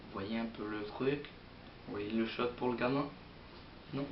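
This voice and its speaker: A young man's mid-range voice, a little slow, rambles hesitantly through a casual manga chat with his viewers, packed with fillers. Recorded on an old computer's built-in microphone, the sound is dull, lo-fi, roomy and distant with faint hiss.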